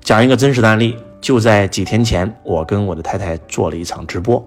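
A man's voice: lowish voice, fast talker, faint music behind. A man giving a motivational lecture to an audience, telling a personal story and asking many rhetorical questions. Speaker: motivational speaker.

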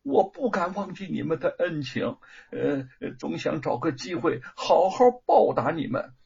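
A man's voice: fairly high pitch, very animated, creaky, a little mellow, breathy edge, voice pushed up, exaggerated voice. A man voicing a humble, reformed former thief who talks nervously and stumbles over fillers, in a storybook reading. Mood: eager, anxious. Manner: nervous, hurried, full of hesitant fillers. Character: humble reformed male ex-thief, grateful and anxious. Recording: dull lo-fi recording.

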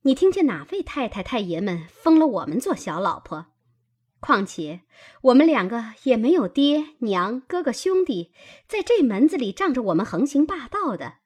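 A woman reader voicing a sensible young maidservant who reasons in a calm, soothing way. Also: fairly high pitch, moderate pace, slightly rough.

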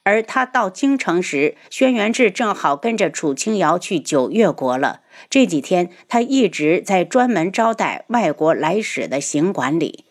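Lively-toned female audiobook narrator, lowish voice, expressive. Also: measured pace, few pauses. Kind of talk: scripted novel narration.

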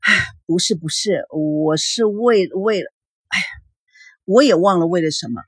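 女声演的心事重重的年轻男人. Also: female voice, lowish voice, moderate pace, husky, no room sound, studio quality. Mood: flustered. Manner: flustered, hesitant. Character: flustered young man worried about marriage.

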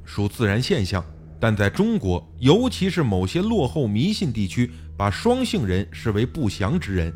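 A man narrating a first-person story in a dramatic, expressive way. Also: medium pitch, a little hiss or hum.

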